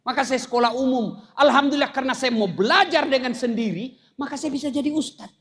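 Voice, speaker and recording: Man, high pitch, joking sermon, story-telling, asides to the audience. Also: quick pace, fairly bright tone. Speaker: preacher. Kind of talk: humorous sermon.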